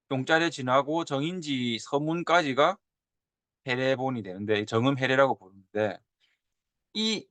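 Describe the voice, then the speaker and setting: 활기찬 억양으로 강의하는 남자. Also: male voice, fairly high pitch, no echo. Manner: animated, drawls and repeats example sounds. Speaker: teacher. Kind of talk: lecture on old Korean script.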